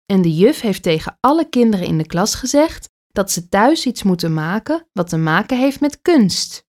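A woman reading a children's story aloud with an expressive delivery. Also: mid-range voice, normal speed.

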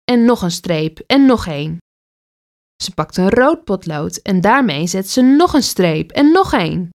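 A woman reads a children's story aloud. She takes her time and lingers on each sentence. Her pitch rises and falls expressively. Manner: slow, expressive read-aloud delivery.

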